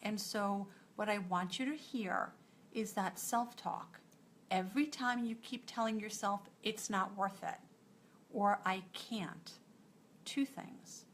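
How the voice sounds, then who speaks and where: A woman's voice: medium pitch, slow pace, fairly bright tone, slight background noise. A woman with a New York accent, a nutritionist giving a live coaching talk to an online group in a direct, encouraging way. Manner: direct, encouraging, strings thoughts with "and so".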